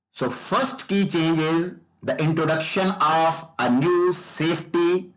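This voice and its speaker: A man teaching as a licensing trainer, explaining rules slowly and repeating key points. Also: fairly high pitch, low-quality recording. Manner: slow, repetitive, deliberate explaining. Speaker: driver licensing trainer and tutor. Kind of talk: explanatory lesson presentation.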